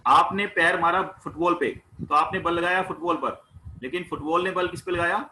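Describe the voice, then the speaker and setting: Bright-voiced man teaching science. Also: fairly high pitch, normal speed, a little hiss or hum, poor audio. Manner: asks questions and answers them himself; plain everyday explanations with household examples. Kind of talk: explaining a class 9 worksheet.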